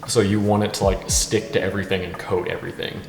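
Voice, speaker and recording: A drunk man hosts a cooking vlog indoors in his kitchen, chatting casually, goofy and giggly, with bursts of exclamation. His deep, creaky voice stays level in tone while he talks fast, and the room is reverberant with music behind him.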